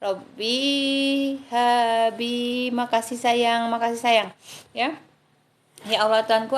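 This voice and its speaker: A woman's voice: a little high, fairly bright tone, slight background noise. An Indonesian woman preacher giving a live religious talk, answering viewers' questions, thanking them by name and calling them darling, and now and then reciting Arabic prayers in a chanting tone.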